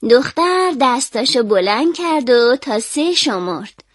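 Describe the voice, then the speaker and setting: A woman calmly and expressively reading a children's story aloud. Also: sits high, dry recording, clean studio sound.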